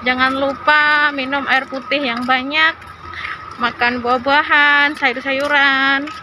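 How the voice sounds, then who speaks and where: A young female vlogger narrates casually to her viewers, addressing them as guys, holding her phone at arm's length inside a packed indoor stadium. She speaks slowly in a high, level voice over background noise.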